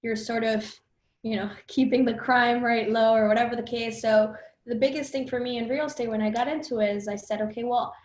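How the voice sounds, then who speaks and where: A woman's voice: fairly high pitch, fairly even intonation, darkish tone. Colombian-born young woman, roomy dull sound. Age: 20s. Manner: earnest, quick phrases with fillers. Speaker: podcast guest. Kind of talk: casual interview chat.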